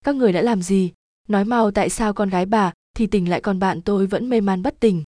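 A woman's voice: mid-range voice, a little fast, warm tone, no room sound, studio quality, lightly acted. A woman reading a ghost story, voicing a hot-tempered young man who speaks sharply and demands answers. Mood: angry.

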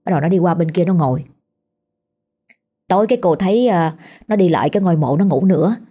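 Mellow Southern Vietnamese woman storyteller. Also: on the low side, fast talker. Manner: chatty, colloquial retelling. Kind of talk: ghost story narration.

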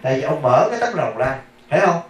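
A man's voice: on the high side, very animated, fast talker. A man giving a chatty dharma talk as a monk. He tells stories, laughs often and keeps asking the audience questions. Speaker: Buddhist monk teacher. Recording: echoey room, mic far off.

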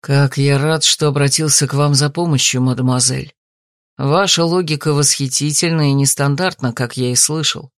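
A woman putting on a courteous, composed man for an audiobook, his voice dropped well below her own and spoken in a measured, politely amused way. It sounds dry and close, with no room around it. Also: extremely low pitch, steady tone, no room sound, pitched below the performer's own voice. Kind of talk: audiobook character voice.

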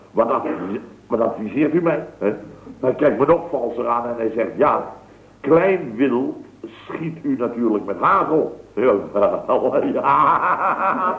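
An actor with a mid-range voice, lightly acted, plays a boastful joker who works at a building firm in a 1960s radio sketch. He tells a meandering, chatty comic tale punctuated by quick jokes, and the old broadcast sounds tinny, noisy and echoey.

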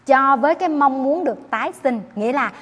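A woman's voice: sits high, brisk, a bit bright. A Buddhist nun gives an earnest dharma talk, often turning questions back on her listeners. Her voice rings with the long reverb of a large hall. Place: temple hall.

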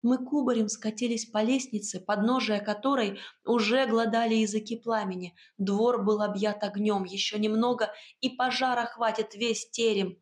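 Brief: woman narrator, first-person fantasy audiobook, steady expressive reading, a bit higher pitch. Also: normal speed, hardly any pauses.

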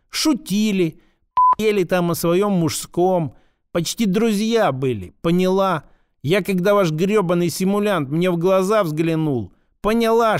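A squealing, drunk woman with an almost childlike, piercing voice, as a male reader puts her on. She screeches and swears in a high pitch that is well above the reader's own voice. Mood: hissing.

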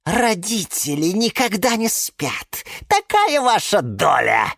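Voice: mid-range voice, huge pitch swings, takes it slowly, gravelly, fairly bright tone, no room sound, clean studio sound, voice pushed up, full character voice. A reader voicing a jealous, spiteful female houseplant in a children's audiobook, snide and mocking. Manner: snide, mocking, shifting between shrieks and hisses.

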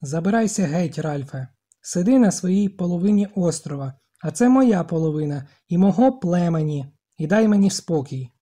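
A reader voicing a hostile, mocking boy tribe chief who shouts taunts in an audiobook. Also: mid-range voice, animated, moderate pace, lightly acted. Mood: defiant.

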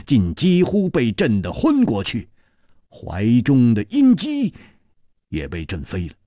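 Male storyteller with a hugely varied pitch. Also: breathy edge, no echo, studio quality. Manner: dramatic, with sudden swings from hushed to loud. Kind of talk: traditional long-form story narration.

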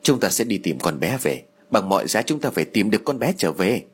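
A man reading an audio story, voicing an older father who calmly soothes his wife with sighs. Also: on the low side, a little fast, slightly rough. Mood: soothing. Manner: sighing, steady and soothing.

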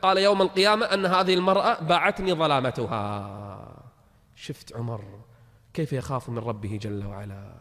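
A man preaching a storytelling sermon, dramatically swinging between loud exclamations and hushed tones. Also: medium pitch, brisk, long reverb tail.

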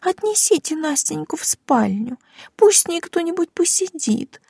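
A woman voicing a fussy, bossy elderly female neighbor in an audiobook, with a high cooing voice and a gushing, commanding manner. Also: sing-song, moderate pace, creaky, darkish tone, dry recording, studio quality, heavily acted. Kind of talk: audiobook character voice.

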